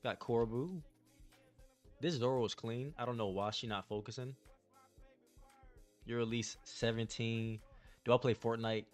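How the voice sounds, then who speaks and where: A young male streamer opens trading cards and chats casually with his live chat, using slangy, laid-back talk. His voice is medium-pitched and unhurried, with long pauses and faint music in the background.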